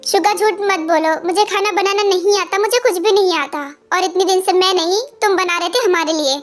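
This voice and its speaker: बहुत ऊँची आवाज़ में एक आहत, नाराज़ युवा अनाथ लड़की, जिसे एक महिला बोलती है। उसके स्वर में दुख और शिकायत है। पीछे धीमा संगीत चलता है।. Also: female voice, very high voice, steady tone, fairly quick, faint music behind. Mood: hurt. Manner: hurt, resentful. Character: hurt young orphan woman, girlfriend. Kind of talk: amateur fan dub.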